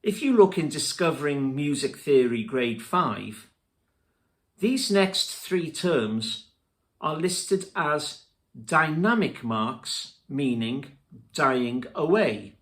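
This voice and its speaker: A man teaching music theory, spelling out terms letter by letter in a slow, deliberate lesson narration. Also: on the high side, animated, fairly bright tone.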